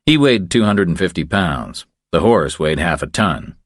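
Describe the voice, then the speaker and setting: Narrating a thriller audiobook, this very low-voiced man is animated and expressive, his pitch moving up and down at a moderate pace. The recording is close and dry, without any room sound.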